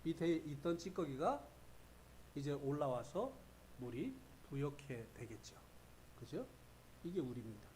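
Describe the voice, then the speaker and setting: Man, pastor, revival sermon, lively storytelling, high lively voice, faint hiss. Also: unhurried, long pauses. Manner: animated storytelling, acting out quoted voices. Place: church.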